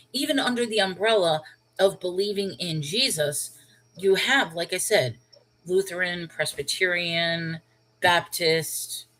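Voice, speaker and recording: A woman's voice: mid-range voice, a bit bright, rough recording. A woman from New York telling a personal story on a livestream in a casual, chatty way, checking in with her listeners and wondering aloud. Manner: chatty, checks in with "okay?" and "all right?"; wondering aloud, rhetorical questions. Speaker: channel host.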